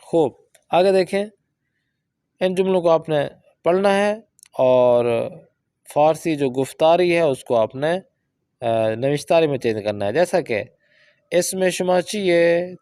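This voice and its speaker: A man teaching a Persian course, explaining exercises and reading example sentences out slowly and carefully. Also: on the high side, animated, warm tone, clear, resonant tone, no echo, clean studio sound. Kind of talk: language lesson explaining book exercises.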